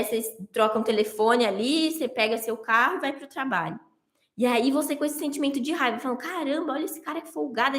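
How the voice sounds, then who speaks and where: A woman's voice: a little high, fairly bright tone, reverberant. A woman coaching her listeners through steps one at a time, asking questions and answering them herself with everyday examples. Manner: explains step by step with everyday examples; addresses listeners directly, asks and answers own questions. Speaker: marriage coach. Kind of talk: live-streamed coaching lesson.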